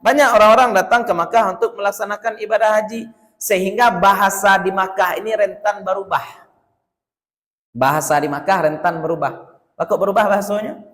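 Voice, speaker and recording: A man from West Sumatra with a Minangkabau accent gives a lively religious lecture to a live audience. He quizzes the listeners and slips into his local dialect for jokes. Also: sits high, fairly quick. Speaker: religious teacher. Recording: long reverb of a large hall.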